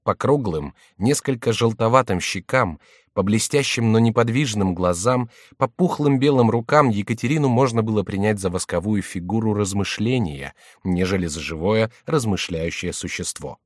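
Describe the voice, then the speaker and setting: Man reading a novel aloud, lowish voice, dry close sound. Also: dry recording. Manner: measured, even reading. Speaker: audiobook narrator. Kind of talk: scripted audiobook narration.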